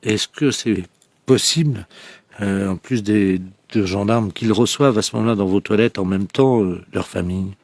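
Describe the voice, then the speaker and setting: Low-voiced man on a halting prank call. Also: a little mellow, no echo. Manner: hesitant, full of pauses and fillers. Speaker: prank caller.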